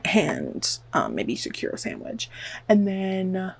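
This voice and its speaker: Filming herself at home during a hair-dye session, a beauty vlogger from the American South rambles nervously to the camera, mocks herself, and uses "like" a lot. Her medium-pitched voice swoops wildly, creaky and slightly rough, and she takes it slowly. The audio is poor.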